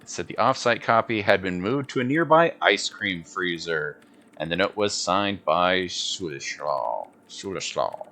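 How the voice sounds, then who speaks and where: Bright, lively low-voiced male game streamer. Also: measured pace. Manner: informal, thinking aloud. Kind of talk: casual gameplay commentary, reading dialogue options aloud.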